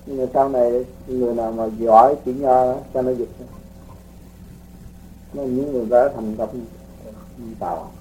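A man teaching spiritual practice in a relaxed, folksy way, explaining with homely examples to his students. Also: medium pitch, moderate pace, pauses often, muffled recording. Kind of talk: casual spiritual teaching talk.

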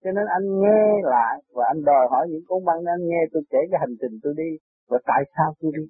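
A man with a high, husky voice preaches earnestly and tells his own story with growing excitement. The sound is thin and tinny, like a tape played over a phone line. The recording is dry, with no room echo. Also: fast talker. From Vietnam. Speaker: spiritual teacher. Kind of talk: impassioned spiritual talk and personal story.

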